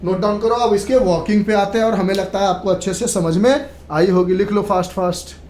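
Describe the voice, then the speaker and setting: A woman with a medium-pitched, warm voice speaks fairly quickly as she gives a physics lecture to a class, repeating points, checking understanding and slipping in English terms. The recording comes from a distant mic in an echoey room with background noise.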